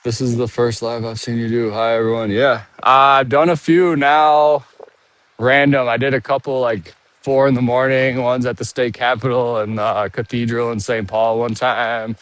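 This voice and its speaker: A medium-pitched, fairly bright male voice with flat delivery and ordinary speed. He's outdoors walking around a monument, short of breath, live-streaming as he rambles, restarts and reads comments from his viewers.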